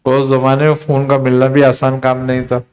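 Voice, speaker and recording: A man, a spiritual teacher, telling a story in a relaxed conversational talk and acting out the quoted dialogue. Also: medium pitch. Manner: unhurried, recounting with quoted dialogue.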